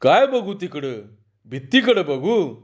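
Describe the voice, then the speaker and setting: A short-tempered village man barks at the crowd in a raised, strained voice, as a male storyteller puts him on. He scolds in rough rural speech. The recording sounds a little dull. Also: high voice, very animated, unhurried. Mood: irritated. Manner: shouting, scolding in rural dialect.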